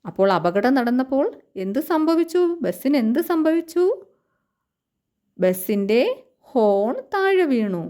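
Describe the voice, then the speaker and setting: A woman's voice: fairly high pitch, big pitch swings, mellow. Sing-song Malayali woman teaching children. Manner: sing-song storybook reading, slow English lines. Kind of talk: children's lesson.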